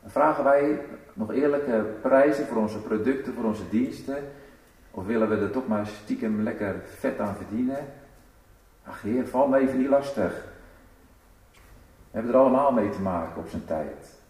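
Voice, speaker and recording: Emphatic preacher in an echoey church. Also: male voice, fairly low pitch, moderate pace. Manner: emphatic, rhetorical questions, varies loudness strongly. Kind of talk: sermon. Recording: echoey church hall, voice from a distance.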